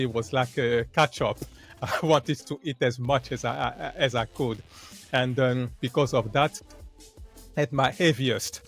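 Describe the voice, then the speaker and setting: A man from the Democratic Republic of Congo, a podcast guest, talking earnestly in casual interview talk, with frequent "uh" and "basically" fillers. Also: medium pitch.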